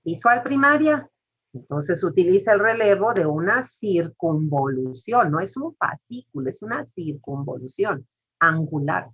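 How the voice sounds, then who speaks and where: A woman's voice: on the low side, sing-song, a little slow, breathy edge. A woman, teaching a class step by step and putting questions to the students. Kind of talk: lecture. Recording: muffled lo-fi recording.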